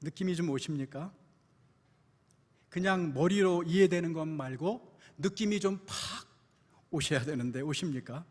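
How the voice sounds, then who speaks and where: High-voiced male pastor in a hall. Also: measured pace, long pauses. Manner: asks the congregation frequent rhetorical questions. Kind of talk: sermon. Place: church sanctuary. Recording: long church hall reverb.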